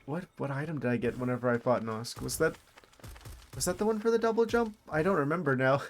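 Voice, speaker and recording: A man's voice: medium pitch, brisk, slight background noise. A man streaming a video game, thinking aloud in a casual, dryly humorous way. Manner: musing aloud, dry self-aware humor. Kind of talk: casual gameplay commentary.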